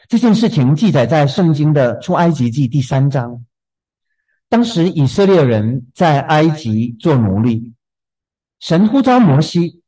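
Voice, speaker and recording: Gentle husky male preacher, lively pitch. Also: rough recording. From southern China. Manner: gentle, repeats words when starting a thought. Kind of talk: sermon.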